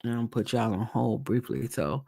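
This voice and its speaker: A livestream host chats casually and thinks aloud while commenting live on a court trial. His mid-range voice is creaky, congested and nasal, with a dark tone and a moderate pace, and there's no echo.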